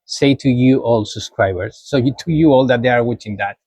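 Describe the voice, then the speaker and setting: A man with a Spanish accent, a native Spanish speaker co-hosting a podcast, who talks haltingly and searches for his words. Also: mid-range voice, darkish tone, slightly rough, dry recording. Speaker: podcast co-host. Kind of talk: casual chat.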